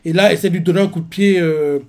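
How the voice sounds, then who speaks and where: A man's voice: high voice, steady tone, fast, a little mellow. A man casually recapping a manga chapter as a reaction host, rambling with many restarts. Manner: rambling, with constant filler tags and restarts.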